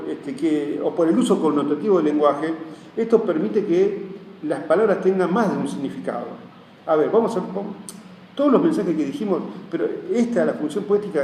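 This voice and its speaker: A man's voice: fairly high pitch, dark tone. A man with a Rioplatense accent, giving a classroom lecture as a teacher. He rambles and keeps checking that his listeners are following. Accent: Rioplatense Spanish. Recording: echoey room, mic far off, faint hum.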